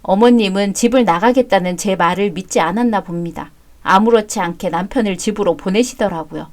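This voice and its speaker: A woman narrating a story and voicing the heroine with calm, firm, cool retorts. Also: medium pitch, fairly quick. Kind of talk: scripted story narration with dialogue.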